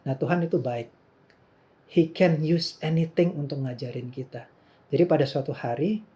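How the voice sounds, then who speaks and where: A man's voice: fairly high pitch, mellow. A male pastor in his thirties from Indonesia, preaching a sermon in a casual, conversational way and slipping English phrases in.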